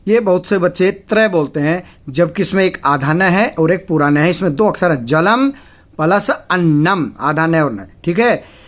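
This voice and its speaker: A man teaching a class as a Sanskrit teacher, patiently explaining and slowly chanting verses before breaking them down word by word. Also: fairly high pitch. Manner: deliberate, with frequent pauses and fillers. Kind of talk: lesson explaining a textbook chapter.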